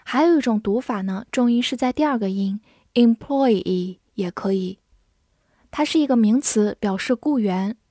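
Woman English teacher, fairly high voice, dry close mic, clear and patient, spells words out. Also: mellow, no room sound. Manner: clear, spells words letter by letter and reads slowly for repeating. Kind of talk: vocabulary lesson.

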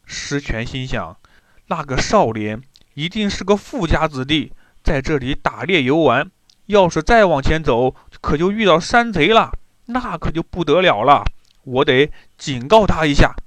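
A male storyteller reading a children's tale with an animated, expressive delivery. His voice sits fairly high and swings widely in pitch. The recording is close and dry. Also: a little slow, dry recording.

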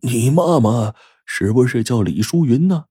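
A man voicing an old grey-haired father who speaks slowly and chokes with emotion as he finds his lost son. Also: fairly low pitch, dark tone, breathy edge, no echo, clean studio sound. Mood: tearful, trembling. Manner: trembling, slow, choked with emotion.

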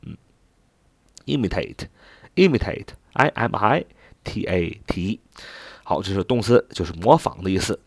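A man's voice: on the low side, lively intonation, unhurried, pauses often, no room sound. A man teaching English vocabulary, explaining step by step with filler particles and spelling each word out letter by letter. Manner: spells words out letter by letter and repeats them.

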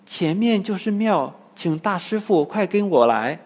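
Dad doing a sweet timid girl voice, high and begging, storybook style. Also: lively intonation, measured pace, long reverb tail. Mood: pleading. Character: timid young village girl, demon in disguise.

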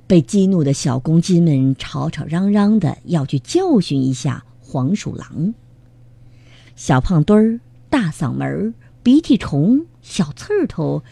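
Woman storyteller, children's story reading, slow, lively pitch, dry close sound. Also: creaky, husky, dry recording. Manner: expressive, dramatic.

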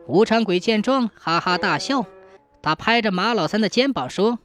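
A woman narrating a scripted folk tale in an expressive storytelling manner. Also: mid-range voice, normal speed. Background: faint background music.

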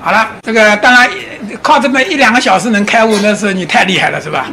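A man giving a public lecture, animated, often asking his audience rhetorical questions and chuckling as he explains. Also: sits high, fast. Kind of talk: public lecture on Chinese classics and Zen.

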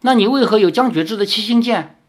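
A reader voicing an arrogant, towering male demon emperor in an audiobook, talking in a loud, haughty way. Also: quick pace, lightly acted. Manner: loud, haughty, booming laugh. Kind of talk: dramatic audiobook character voice.

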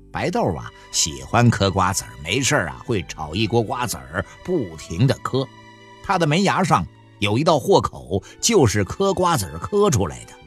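A man narrating a novel in a folksy storytelling manner with drawn-out fillers. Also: on the low side, fairly bright tone. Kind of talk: audiobook storytelling.

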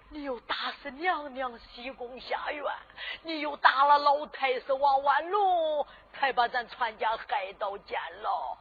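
Anxious loyal old manservant, high and bright, put on by a woman storyteller, lo-fi sound. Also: breathy edge, full character voice. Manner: pleading, crying out. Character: old loyal male household servant, anxious. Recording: dull lo-fi recording.

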